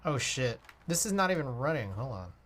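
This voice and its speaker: A man's voice: medium pitch, fairly quick. Male streamer, offhand and informal, chatting as he works, with light background noise. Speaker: livestream host. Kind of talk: casual livestream chat while working. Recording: clicks and steady background noise.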